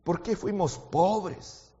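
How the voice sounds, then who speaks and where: In a large hall, a man preaches a sermon in a language that isn't his first, his native Portuguese slipping through. His voice is high-pitched and very slow, swinging between quiet, intimate talk and loud, fervent exhortation as he keeps asking the audience questions. The sound is lo-fi.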